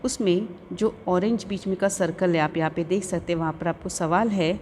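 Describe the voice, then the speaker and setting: Woman teacher in a slow, careful lesson. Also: on the low side, steady tone, darkish tone, slight background noise. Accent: Urdu-speaking Indian. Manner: slow, careful pronunciation of English words, repeating each twice. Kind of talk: classroom lesson explanation.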